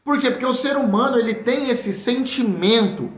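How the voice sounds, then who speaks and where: Earnest high-voiced Brazilian preacher, echoey. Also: male voice, normal speed. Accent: Brazilian Portuguese, São Paulo. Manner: earnest, repeats words, many fillers and restarts, addresses listener as brother. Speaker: pastor, Bible teacher. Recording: echoey room, dull lo-fi sound.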